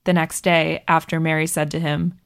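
Low, gravelly woman narrating. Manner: measured, even storytelling delivery. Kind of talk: scripted narration.

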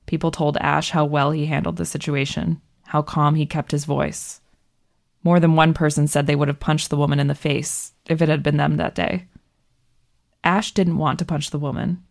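A woman narrating a true story in a measured, scripted delivery. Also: low voice, flat delivery, creaky.

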